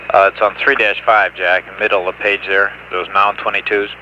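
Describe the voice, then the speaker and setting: An American man working as a mission control communicator, calmly reading out figures in a matter-of-fact, procedural way over a radio link. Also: low-pitched, moderate pace. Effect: radio transmission. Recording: dull lo-fi 1970s space radio, faint noise, hum. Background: faint hiss and hum.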